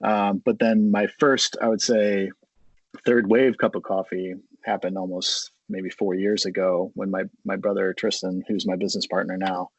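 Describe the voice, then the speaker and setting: A man's voice: low voice, flat delivery, moderate pace, gravelly, breathy edge, dry recording, poor audio. A young American man, a coffee company co-founder, talking as a guest in a friendly, rambling way with many fillers. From United States. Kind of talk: casual interview.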